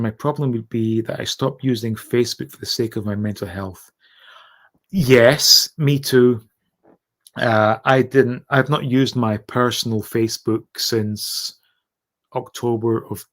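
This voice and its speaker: A Scottish man in middle age with a medium-pitched voice hosts a relaxed livestream. He talks candidly and informally, putting himself down and swearing freely as he chats with viewers. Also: unhurried. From Scotland. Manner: candid, self-deprecating, sweary. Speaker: livestream host. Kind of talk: casual livestream chat, reading out and answering comments.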